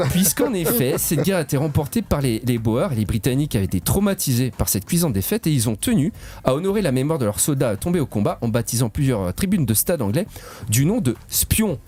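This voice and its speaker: A man with a slightly husky voice, hosting a radio quiz in a studio in a joking, playful way. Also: medium pitch, brisk. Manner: lively, joking, stretches key words. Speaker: quiz host.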